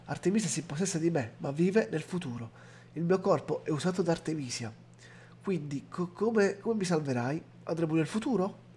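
A man's voice: on the high side, lively intonation, moderate pace, a little mellow, slight background noise, natural voice. A man reading aloud the lines of a tender, fearful young woman sorceress from a game, in a plain read-aloud delivery. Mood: anxious.

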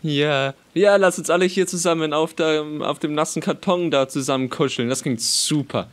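A man giving playful commentary on a game he is playing, goofy and jumping into squeaky high outbursts. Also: normal speed. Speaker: let's play gamer.

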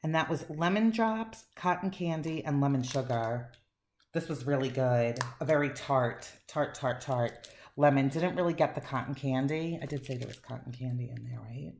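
Very low-voiced chatty woman. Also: normal speed, darkish tone. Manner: chatty, enthusiastic, rambling with fillers. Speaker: wax melt reviewer. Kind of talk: casual chat. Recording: echoey room, faint noise.

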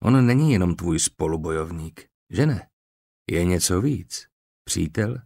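A male narrator voicing a calm, methodical Roman army surgeon in an audiobook, speaking in a steady, instructive, lowered tone. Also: dry recording. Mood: measured. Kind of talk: audiobook character reading.

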